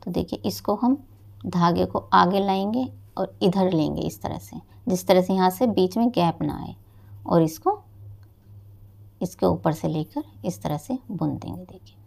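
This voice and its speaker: A woman's voice: lowish voice, a little slow, gravelly, darkish tone. A woman patiently giving a step-by-step knitting tutorial, explaining each stitch and speaking directly to her viewers as friends. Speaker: knitting teacher.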